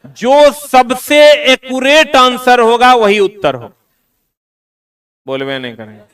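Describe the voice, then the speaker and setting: Heard from a distance, a man with a high, smooth, slightly bright voice lectures an exam-coaching class in a classroom. He teases and scolds his students in slangy talk.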